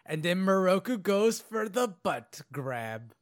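A man with a somewhat high voice chats casually on a podcast, recapping episodes in a loose, rambling way. He leans on fillers and drifts from one point to the next. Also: sing-song, slow. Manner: casual storytelling with many fillers and playful quoted voices. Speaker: podcast co-host. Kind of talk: casual chat reviewing anime episodes.

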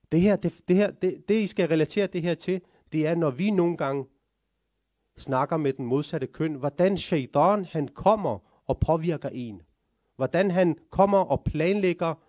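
A man giving a storytelling sermon as a religious lecturer, telling the story with animated, rising emphasis. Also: fairly high pitch, no echo, clean studio sound.

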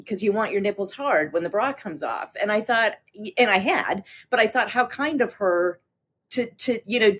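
A woman speaking as an interview guest in casual conversation, enthusiastic and quick to laugh. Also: medium pitch.

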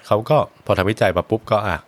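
A man's voice: lowish voice, fast talker. A man co-hosting a casual book podcast, telling anecdotes and acting out quoted exchanges. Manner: storytelling, acts out quoted dialogue. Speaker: podcast co-host.

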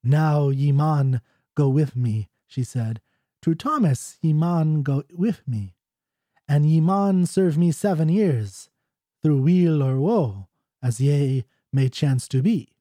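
A man's voice: fairly high pitch, slow, dark tone, dry recording, clean studio sound. A man voicing a regal fairy queen, reading her lines of an old ballad in a mock Scottish accent. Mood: commanding. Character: regal fairy queen, a woman, stately and commanding.

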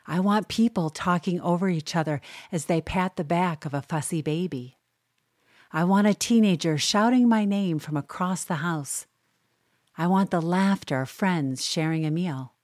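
A woman reads a humorous newspaper column aloud with a wry, dryly humorous touch and an unhurried pace. Her voice sits a little low. The sound is close and dry, with no room echo. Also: a little mellow.

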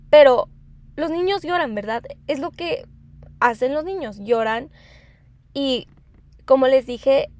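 A woman's voice: a little high, no echo. A woman giving an informal self-help talk, explaining with frequent rhetorical questions and repeating her phrases. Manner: halting, repeats and restarts phrases.

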